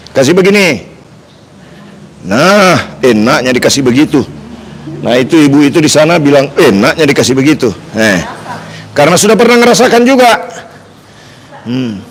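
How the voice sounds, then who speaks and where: Joking high-voiced Indonesian massage therapist. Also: male voice, slight background noise, low-quality recording. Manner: joking, chatty, repeats instructions. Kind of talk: live-streamed massage demonstration.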